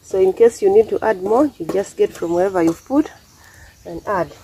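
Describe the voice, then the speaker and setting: A Ugandan woman who vlogs village cooking talks viewers through each step plainly as she works at an outdoor wood fire among banana plants. She speaks at normal speed in a creaky, medium-pitched voice. The noisy audio comes from a camera on the ground, and her distance from it changes as she moves.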